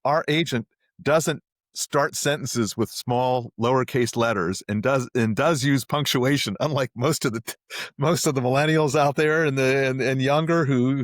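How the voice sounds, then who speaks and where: A middle-aged man talking casually as a podcast guest, rambling and restarting often, getting animated when he explains. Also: mid-range voice, normal speed, no room sound, clean studio sound. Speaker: podcast guest, marketing agency president. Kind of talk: casual interview talk.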